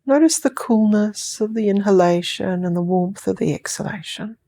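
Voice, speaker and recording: A New Zealand woman's voice, medium in pitch and warm in tone, guides a sleep hypnosis session. She speaks in slow, soothing, lengthened phrases, sometimes letting them fade into a whisper.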